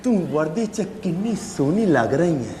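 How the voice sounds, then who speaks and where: A man's voice: high-pitched, lively intonation, unhurried, big-room sound, a little hiss or hum. An actor playing a jovial, flirtatious turbaned man who heads a social organisation, speaking with a Punjabi accent and gushing, sighing exclamations. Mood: effusive, flirtatious. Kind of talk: amateur telefilm acting.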